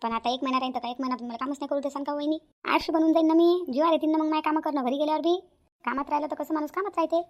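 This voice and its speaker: A woman's voice: high-pitched, rapid-fire, dull audio, close to an everyday voice. A woman voicing an eager, helpful young sister-in-law in a cartoon.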